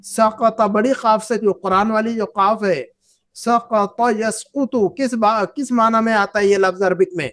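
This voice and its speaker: A woman's voice: mid-range voice, steady tone, a bit bright. A woman whose first language is Urdu, teaching an Arabic grammar lesson, patiently repeating verb forms and asking the class questions. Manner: asks the class questions and invites answers.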